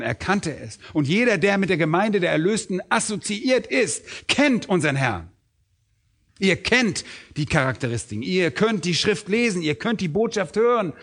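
Guy preaching a sermon, emphatic and rhetorical, voice on the higher side. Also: a bit bright. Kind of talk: expository sermon.

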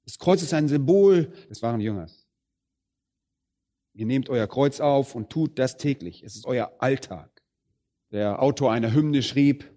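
A man preaching a sermon, addressing the congregation directly. He stresses some phrases loudly and drops others low and quiet. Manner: emphatic, swings between loud stresses and quiet low phrases.

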